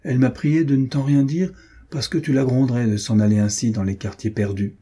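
A man reading a composed, guarded lover who answers in a measured, deflecting way, in an audiobook. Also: medium pitch, steady tone, mellow, slightly rough, close to an everyday voice. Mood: calm.

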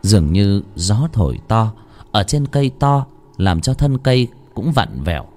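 A man's voice: lowish voice, sing-song, measured pace, a little mellow. Theatrical male horror storyteller. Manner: theatrical, suspenseful. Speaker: narrator. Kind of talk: dramatic horror story narration. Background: faint music.

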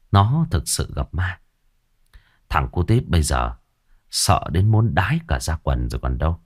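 Man telling a ghost story. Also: sits low. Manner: lively, colloquial storytelling.

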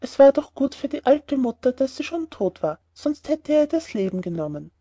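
A woman's voice: high voice, very animated, moderate pace, warm tone, dry recording. A woman voicing a poor, clever young peasant man in a read-aloud fairy tale, sly and plainly spoken.

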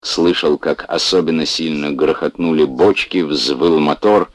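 A man reading a literary story aloud as an audiobook narrator, in a measured, unhurried way. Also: extremely low pitch, no echo, lo-fi sound.

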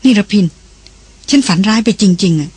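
A reader voicing a dazed, frightened young red-haired woman in an audiobook, speaking softly and pleadingly with a husky tone. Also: mid-range voice, expressive, moderate pace, no room sound. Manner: soft, bewildered and pleading. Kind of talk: audiobook dialogue reading.

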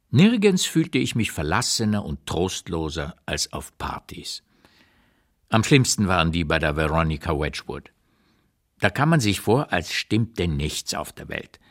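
For a literary radio play, an actor voices a blunt 85-year-old writer reflecting on his life, reading memoir notes in a measured, deliberate, emphatic manner. His voice is deep with a breathy edge, and he commits fully to the character.

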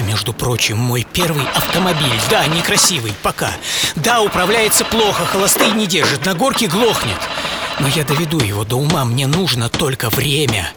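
Heavy background noise and a loud music bed surround this man's rather high voice. He's the programme's writer and presenter, relating a dramatized first-person tale in radio style, theatrical and lingering over short phrases.

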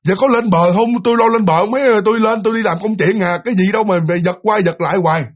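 Startled, flustered bill collector in a told ghost story, voiced by the narrator, fast-talking. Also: male voice, high-pitched. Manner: flustered exclaiming.

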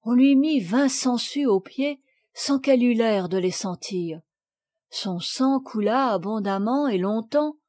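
A woman narrating a classic children's novel in a clear, measured reading. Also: on the high side, expressive, warm tone, dry recording, clean studio sound. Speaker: audiobook narrator. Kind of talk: scripted storybook narration.

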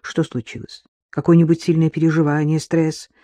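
A woman narrating a literary novel in a measured, emotional way, slowing on key phrases. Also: low-pitched, little pitch movement, warm tone, no room sound, studio quality. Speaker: audiobook narrator.

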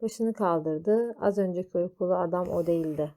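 A woman reading a children's story aloud, slow and deliberate. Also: lowish voice, mellow.

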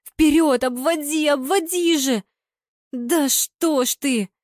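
Woman doing an excitable squealing young woman fan. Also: fairly high pitch, measured pace, no echo, studio quality, pitched above the performer's own voice, natural voice. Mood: cheering. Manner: squealing, exclaiming.

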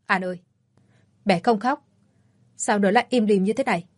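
A woman's voice: medium pitch, steady tone, unhurried, no echo, natural voice. A woman voicing a frail young mother who pleads in a trembling voice. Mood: frantic. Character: young mother, frail and frantic over her newborn.

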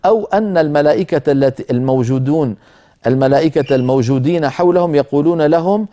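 A male recitation teacher hosting a televised lesson, with a mellow, warm voice. He explains in a measured way and stops to model the recitation slowly. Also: fairly high pitch. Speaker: Quran recitation teacher, program host.

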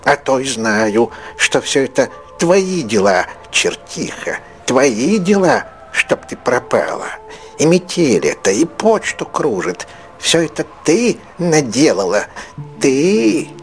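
A man's voice: mid-range voice, big pitch swings, slow, soft background music. A man doing a grumbling village deacon. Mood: accusing. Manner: grumbling, accusing, whining. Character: irritable superstitious village church deacon, man.

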